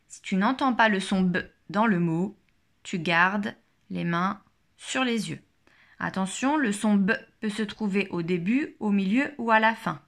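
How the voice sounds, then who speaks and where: Her voice is medium in pitch with a gravelly edge. Leading a child through a phonics listening game, she repeats each word and pronounces every sound deliberately and slowly.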